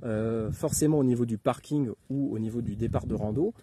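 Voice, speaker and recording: A man giving an informal spoken tutorial as an instructor, talking haltingly with many hesitations and filler words. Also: mid-range voice, noisy background. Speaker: instructor giving outdoor radio advice.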